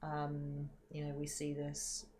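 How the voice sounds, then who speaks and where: A woman giving a spiritual card reading in a slow, soft, reflective way, with frequent ums and repeated words, into a desk microphone at home. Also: low voice, monotone, a little hiss or hum. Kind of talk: livestreamed tarot reading.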